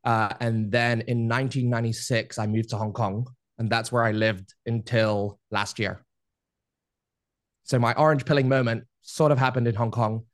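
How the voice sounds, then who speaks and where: A man in his thirties, a podcast guest, telling his life story in a relaxed, rambling way with many fillers. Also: mid-range voice, moderate pace, dry recording, studio quality. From Spain. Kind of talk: casual interview storytelling.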